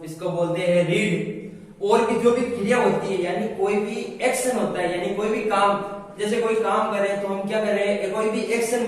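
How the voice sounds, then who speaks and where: Man, English teacher, asks-and-answers questions, distant mic, roomy echo. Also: high-pitched. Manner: asks questions then answers them himself, repeats key words. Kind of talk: classroom-style lesson with call-and-response questions. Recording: echoey room, voice from a distance.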